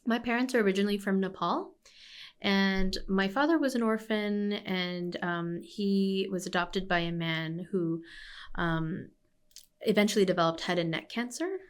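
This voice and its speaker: A woman from Hawaii, an oncologist, telling her story in a reflective, measured way during an interview. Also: medium pitch, clear, resonant tone. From Hawaii, United States. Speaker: oncologist guest. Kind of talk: conversational interview.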